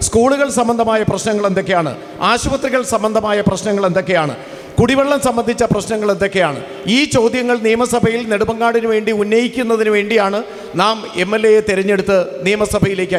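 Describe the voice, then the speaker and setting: A man's voice: high voice, big-room sound. A man interpreting a campaign speech for a crowd in a formal, declamatory way with repeated phrasing.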